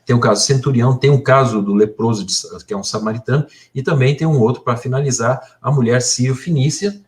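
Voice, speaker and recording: A man's voice: mid-range voice, fast. A man with a Brazilian Portuguese accent co-hosting a casual Bible discussion, explaining the stories and closing the episode. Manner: explanatory, wraps up and signs off the episode. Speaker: co-host.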